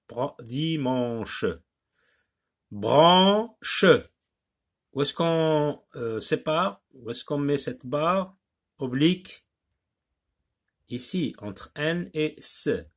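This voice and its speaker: A man's voice: medium pitch, husky. A man teaching a phonics lesson to young children, patiently repeating and stretching out each word.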